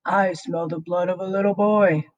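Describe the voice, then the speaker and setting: A woman voicing a bad, greedy male giant who shouts and roars his demands. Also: lowish voice, fairly even intonation, moderate pace, no room sound, lo-fi sound, natural voice. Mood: roaring.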